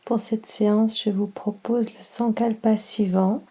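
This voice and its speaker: Leading a guided yoga nidra relaxation, a woman speaks softly and breathily in a mid-range voice. She delivers slow, calm, soothing instructions with long pauses in between.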